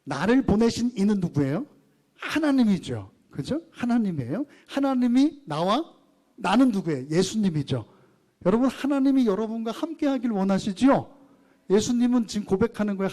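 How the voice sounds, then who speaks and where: A male pastor preaching a sermon, asking the congregation questions and leading them through scripture readings, moving between raised and quiet phrases. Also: sits high, sing-song, moderate pace.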